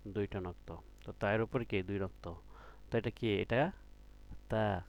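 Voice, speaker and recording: A man with a lowish, fairly even voice runs an online Quran reading class, patiently drilling Arabic letters through repeated questions and drawn-out letter sounds as he demonstrates.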